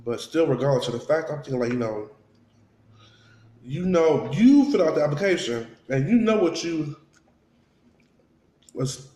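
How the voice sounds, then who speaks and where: His voice is fairly high yet dark in tone, with lively intonation, a moderate pace, and long pauses. A vlogger, he tells viewers a casual story while eating, chewing between phrases, acting out what others said, and repeating for emphasis. The space echoes noticeably.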